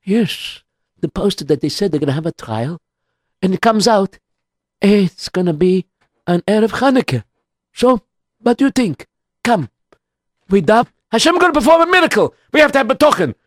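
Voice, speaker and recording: A man's voice: high-pitched, very animated, normal speed, long pauses, dry recording, studio quality, pitched above the performer's own voice. A man voicing an elderly, fussy synagogue elder who repeats himself insistently. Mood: urging. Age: older.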